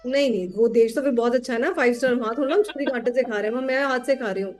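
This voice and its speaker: A woman's voice: a little high, racing, a little mellow, soft background music. A woman tarot teacher chatting casually with her student, slipping English phrases into her Hindi.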